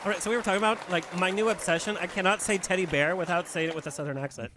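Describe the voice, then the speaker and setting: A man's voice: high-pitched, racing, a crowd in the background, noisy background. A man co-hosting a podcast, telling gossipy stories in a campy, casual way. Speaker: podcast co-host.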